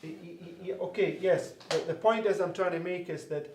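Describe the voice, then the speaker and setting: A man teaches a Bible class through an interpreter, reading scripture aloud and often checking in with "right?", stumbling over repeated words when unsure. His high, darkish voice stays steady at a moderate pace, recorded in a roomy space with a faint hum.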